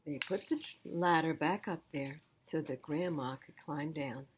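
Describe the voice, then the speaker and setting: With a deep voice and an unhurried delivery, a library storytime reader shares a picture book aloud, speaking emphatically to the young listeners and adding asides. A faint hiss or hum is audible.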